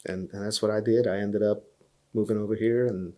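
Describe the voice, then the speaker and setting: In a relaxed podcast interview, a Hungarian-accented blues musician tells his story earnestly, often repeating words as he thinks. His voice is fairly low and dark in tone, steady, and fairly quick.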